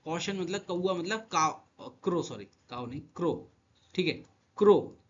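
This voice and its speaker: A man's voice: measured pace, slight background noise. A man teaching vocabulary in an online lesson, repeating words and asking and answering his own questions. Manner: animated, jumps in pitch and loudness. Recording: dull lo-fi sound.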